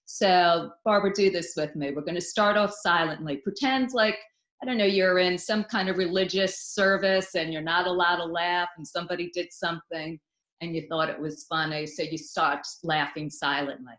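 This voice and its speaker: A woman's voice: fairly low pitch, moderate pace. A woman teaching laughter yoga as an interview guest, explaining with energy and demonstrating as she goes. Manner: energetic, instructive, with bursts of laughter. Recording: echoey room.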